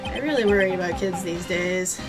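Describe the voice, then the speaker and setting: A woman voicing a wry, put-upon young male lawyer in a lowered, dry voice. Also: fairly quick, natural voice. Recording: clear music behind.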